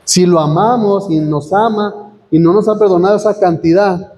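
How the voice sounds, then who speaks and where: A man's voice: sits high, moderate pace, darkish tone. A man preaching a sermon as pastor, reading scripture aloud and asking the congregation questions. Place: church hall. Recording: long church hall reverb.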